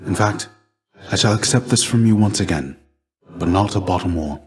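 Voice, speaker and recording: In a video game role, a middle-aged man voices a gentle, weary warrior shade who serves as a mentor. His deep, soft-edged voice sounds close to everyday speech, with a measured, courteous, old-fashioned formality. The mood is warm and humble.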